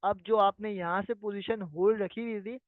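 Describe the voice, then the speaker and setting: High-voiced man with a tinny, lo-fi sound. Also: fairly even intonation, normal speed, no room sound. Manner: patient explaining, often checks in with listeners. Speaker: trading teacher. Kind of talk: live online lesson answering viewer questions. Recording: tinny phone-like sound, dry.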